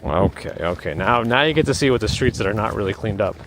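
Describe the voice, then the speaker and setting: Man, low voice, casual live-stream chatter, walking outside in heavy snow, phone mic, clear street noise behind. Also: lively intonation, quick pace. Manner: rambling, thanks viewers by name. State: losing his voice. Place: snowy city streets outdoors in a blizzard. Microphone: handheld phone.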